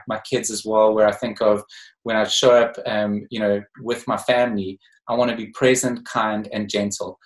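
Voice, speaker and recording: A man speaking as a coach and interview guest, reflective and unhurried, often pausing with ums and restarting phrases. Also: medium pitch. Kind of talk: casual interview talk. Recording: echoey room.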